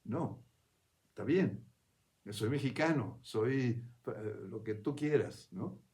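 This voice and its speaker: Speaking warmly in a mid-range voice, a man delivers a reflective spiritual talk at a relaxed, conversational pace. He repeatedly checks that his listener is following and restarts sentences while working through his thoughts.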